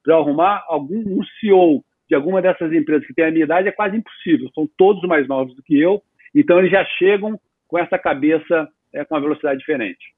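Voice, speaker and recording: A man in his fifties, a guest entrepreneur, talking in a casual, animated way with lots of slang in an interview. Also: on the high side, fast, breathy edge, dry recording. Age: 50s. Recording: tinny phone-like line.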